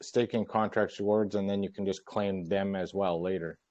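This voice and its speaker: A man's voice: sits low, steady tone, moderate pace, darkish tone, no room sound. A man hosting a casual online Q&A, explaining things plainly and easily with some restarts. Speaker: token project team member hosting a Q&A. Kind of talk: casual voice-chat Q&A. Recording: dull lo-fi voice chat.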